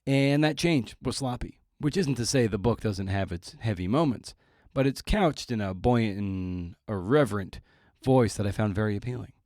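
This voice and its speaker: A slightly mellow, lowish male voice at normal speed carries this casual solo podcast monologue with announcements. The studio-quality recording has no room sound, and the host's asides are wry, playful, slangy and self-deprecating.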